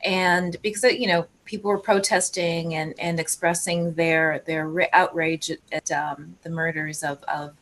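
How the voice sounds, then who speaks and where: Low-pitched earnest woman guest. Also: level tone, fairly bright tone. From Canada. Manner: earnest and measured, with many fillers. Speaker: interview guest, entrepreneur. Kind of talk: casual interview answers.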